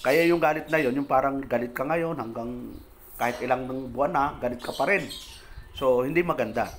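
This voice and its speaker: A man's voice: mid-range voice, normal speed, slight background noise. Filipino man preaching conversationally. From Philippines. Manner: reads English verses then explains in Tagalog, addresses listener directly. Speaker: pastor. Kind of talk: conversational sermon.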